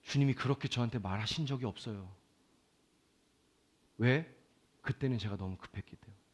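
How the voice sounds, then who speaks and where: A man preaching a Sunday sermon as pastor, swinging from loud pleading to quiet, confiding talk. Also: mid-range voice, moderate pace, breathy edge.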